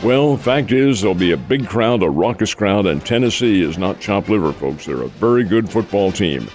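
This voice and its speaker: A man's voice: on the low side, lively intonation, normal speed, a little mellow, soft background music. An older man co-hosting a sports radio show, giving folksy rundowns of games and calling listeners "folks". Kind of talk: casual sports radio chat.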